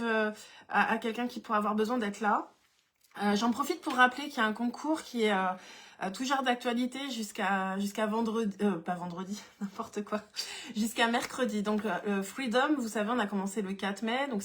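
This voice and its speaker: A woman hosting a spiritual live stream, greeting viewers by name and often pausing on "euh" and restarting her sentences. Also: a little high. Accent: French. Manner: warm greetings to viewers, many fillers and restarts. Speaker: live seminar host.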